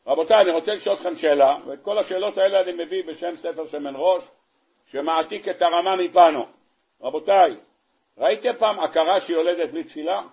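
A man, a rabbi, giving a sermon on the weekly Torah portion, telling the story in an animated way and throwing rhetorical questions at his listeners. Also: a little high, slightly rough. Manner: animated storyteller, acting out the scenes; asks the audience rhetorical questions.

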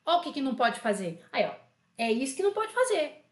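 A woman with a fairly high, very animated voice runs an enthusiastic online French lesson. She chats warmly with her learners and drills phrases slowly, asking them to repeat after her. The sound carries a noticeable echo from the room. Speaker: French teacher.

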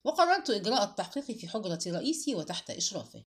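Lively woman narrating a story. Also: medium pitch, very fast. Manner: expressive, dramatic storytelling. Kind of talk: dramatic audiobook narration.

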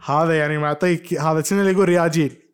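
A man's voice: fairly high pitch, fairly even intonation, very fast, smooth. A man chatting as a podcast co-host, playful and quizzing his friend. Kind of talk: casual chat.

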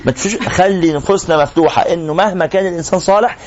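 Man, Egyptian accent, sheikh teaching a class, rhetorical questions, slightly high voice. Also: racing, a little hiss or hum. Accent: Egyptian Arabic. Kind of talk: religious lesson to a live class. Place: room with a class. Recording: muffled lo-fi recording.

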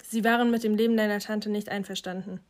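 A woman reading as a calm, composed mother. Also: medium pitch, quick pace, lightly acted.

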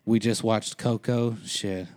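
A man's voice: fairly low pitch, steady tone, takes it slowly, a little mellow. A man co-hosting a podcast in casual chat, laid-back, with many fillers and casual swearing. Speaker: podcast co-host.

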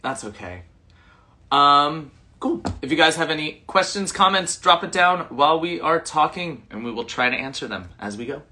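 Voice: medium pitch, expressive, moderate pace, sharp tone. An upbeat podcast co-host who laughs often while chatting and asking questions. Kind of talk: casual podcast chat.

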